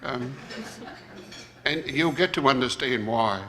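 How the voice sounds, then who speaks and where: The recording captures a conference presenter in a reverberant hall giving a reflective plenary talk and thinking out loud. His voice sits at a medium pitch, and he speaks slowly with a sharp tone.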